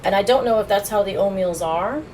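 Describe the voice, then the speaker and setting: A woman's voice: medium pitch, a little fast, a little mellow, slight background noise, rough recording. Chatty woman live-streaming a food review. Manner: chatty, laughs often, talks while eating. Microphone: phone.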